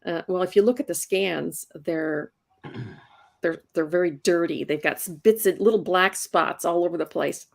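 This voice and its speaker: Speaking at an unhurried pace, a woman in her sixties with a fairly low, creaky voice talks about her work as a comics inker. The interview is casual and chatty, and she keeps restarting, repeating words each time.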